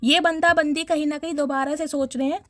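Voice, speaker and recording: A woman's voice: sits high, fairly even intonation, brisk, a bit bright, dry recording. A woman with a Hindi accent giving a tarot reading to her viewers, chatty and dramatic, sprinkling English words into her talk. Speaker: tarot reader.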